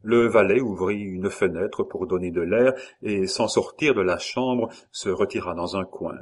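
Male narrator, low voice, measured expressive reading, classic novel audiobook.

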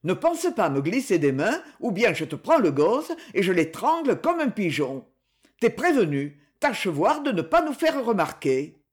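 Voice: medium pitch, big pitch swings, normal speed, lightly acted. A reader voicing a brutal, vengeful man. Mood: threatening. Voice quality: hard, menacing, blunt. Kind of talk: audiobook character voice.

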